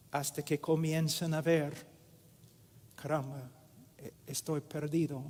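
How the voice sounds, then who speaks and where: A man preaching a sermon in a slow, deliberate way with many pauses. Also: a little high, darkish tone. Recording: echoey hall with long reverb.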